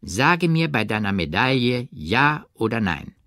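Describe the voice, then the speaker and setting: A man reading an audiobook, voicing a jealous gentleman lover who presses with falsely gentle persuasion. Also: mid-range voice, very animated, a little slow, no echo, clean studio sound, heavily acted. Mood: persuasive.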